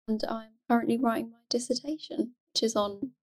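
A woman's voice: fairly high pitch, steady tone, brisk, a little mellow. A young woman student, a podcast guest, speaking casually with lots of hedging words. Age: young adult.

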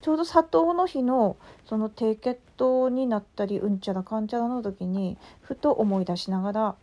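A woman podcast host with a Tsugaru dialect, telling a story in a casual, animated way with many asides. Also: on the high side, normal speed. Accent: Tsugaru dialect of Japanese. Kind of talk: casual solo audio chat.

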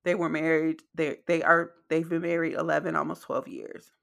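A woman's voice: sits low, little pitch movement, moderate pace, gravelly, fairly bright tone. A woman hosting a reflective podcast conversation, speaking emphatically and repeating phrases for stress, with wet mouth clicks as she talks. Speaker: podcast host.

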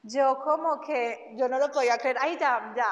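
A young woman tells her faith story in a high, bright-sounding voice. She leans on repetition and acts out conversations as she goes. The recording is muffled, and a long hall reverb trails every phrase. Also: normal speed. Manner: emphatic, repeats phrases, acts out dialogue. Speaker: faith testimony speaker. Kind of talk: personal religious testimony.

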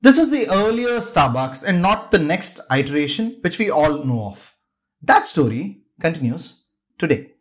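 A man's voice: fairly high pitch, very animated, normal speed. A man hosting a podcast, narrating a scripted story with dramatic, varied pacing. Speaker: podcast host.

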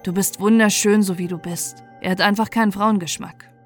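A woman reading out the chat lines of a gentle, smitten teenage boy in a soft, slightly lowered voice. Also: steady tone, moderate pace, faint music behind, close to an everyday voice. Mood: tender.

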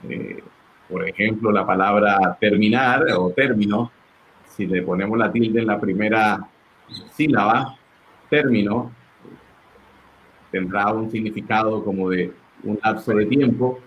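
A man's voice: lowish voice, steady tone, moderate pace, lo-fi sound, a little hiss or hum. A male pastor in a conversational Bible study discussion, often asking "right?" as he talks. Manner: conversational, uses fillers and tag questions.

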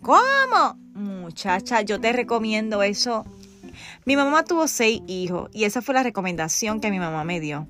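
A woman's voice: mid-range voice, expressive, moderate pace, faint music behind. Chatty Puerto Rican woman podcaster. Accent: Puerto Rican Spanish. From Puerto Rico. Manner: chatty, candid, addresses listener directly. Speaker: podcast host. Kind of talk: casual podcast chat.

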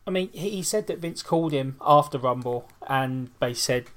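A man's voice: medium pitch, normal speed, fairly bright tone. A man hosting a podcast, talking casually as he reviews and recaps. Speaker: podcast host.

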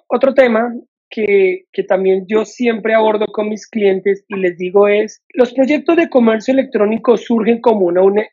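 A woman interviewer with a husky voice acknowledges points and adds her own advice. Her audio sounds dull and lo-fi. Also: mid-range voice, mellow. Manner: affirming, sums up points. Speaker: host. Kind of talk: interview conversation.

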